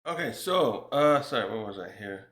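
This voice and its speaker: Bright-voiced man rambling through a recap. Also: mid-range voice, animated, moderate pace. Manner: rambling, many restarts and fillers, reads out character lines. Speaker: manga reviewer. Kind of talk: casual chapter recap.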